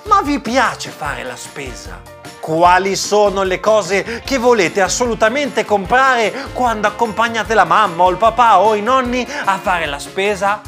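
A young man narrating a children's story in a playful, animated way, speaking straight to the kids. His pitch leaps all over, yet he keeps an unhurried pace. Faint music sits underneath.

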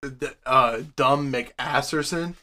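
A man's voice: mid-range voice, slow pace. A man co-hosting a casual podcast, ranting with heavy swearing. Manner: profane, ranting, animated. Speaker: podcast co-host.

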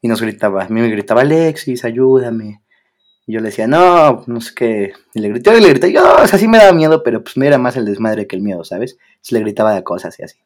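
A young Mexican-accented podcast co-host with a low-leaning voice moves at a quick pace through a casual story. He's expressive, slang-heavy, and acts out quoted voices.

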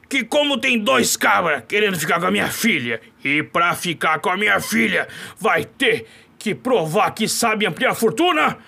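A man voicing a loud, bossy older male ranch owner in a comedy sketch, shouting orders. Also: sits high, vocal fry, exaggerated voice.

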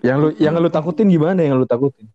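A man's voice: a little high, fast talker, dark tone. A man with a Jakarta accent talking casually with friends in Jakarta slang. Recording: roomy, slightly dull lo-fi sound.

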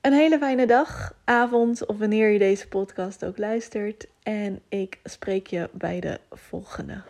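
A woman's voice: mid-range voice, a little slow, creaky, a little mellow. Rambling Dutch-speaking woman podcaster. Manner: rambling, jumps from topic to topic; emotional, candid, with fillers. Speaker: podcast host. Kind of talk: personal solo podcast monologue.

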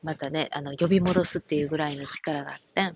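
A woman with a Kansai accent, gently telling a personal story from her work as a caregiver, with many soft fillers. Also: deep voice, fairly even intonation, fast talker, dull audio, slight background noise. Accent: Kansai Japanese. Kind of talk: casual radio-style talk.

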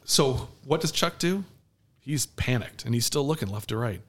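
A man's voice: mid-range voice, moderate pace. A man co-hosting a podcast, telling a wild story in crude casual chat, laughing often and acting out what others said. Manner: animated, laughing often, crude, acts out others' lines loudly. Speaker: podcast co-host.

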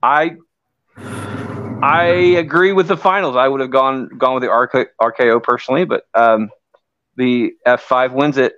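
A man's voice: medium pitch, normal speed, fairly bright tone, dry recording, lo-fi sound. A man hosting a podcast in a casual, conversational way. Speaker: podcast host.

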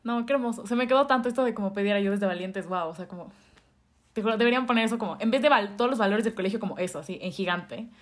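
A woman's voice: medium pitch, racing. Chatty young woman host. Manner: chatty, fillers like "o sea" and "como", mixes English words. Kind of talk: casual podcast chat.

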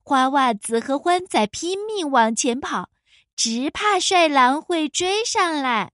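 High-voiced woman reading a children's story. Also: takes it slowly, dry recording, studio quality. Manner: lively, expressive reading.

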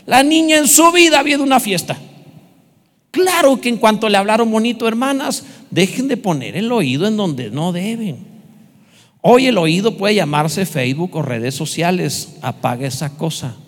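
Pastor guy preaching, kinda high voice, jokey asides, echoey church. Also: normal speed. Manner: lively, humorous preaching with asides to the congregation. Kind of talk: sermon.

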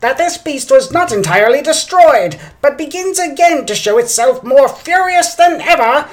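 A woman voicing a theatrical old-timey radio announcer, slow and declaiming. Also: high voice, lively intonation, pitched above the performer's own voice. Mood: dramatic. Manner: slow, drawn-out, declaiming delivery. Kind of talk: 1940s radio announcer reading.

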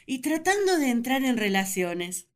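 A woman's voice: high voice, unhurried. Eve, the chatty first woman. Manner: chatty, wondering, expressive. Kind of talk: radio drama narration.

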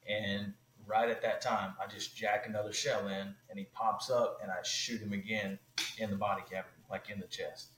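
Man, low voice, casual rambling storyteller, roomy sound, faint background noise. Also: normal speed. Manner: animated, rambling with many fillers. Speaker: podcast guest.

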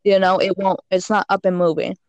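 A woman's voice: mid-range voice, flat delivery, a little fast, a little mellow, no echo. A woman guest on a casual podcast, giving frank fitness and diet advice with lots of "like" and "you know.".

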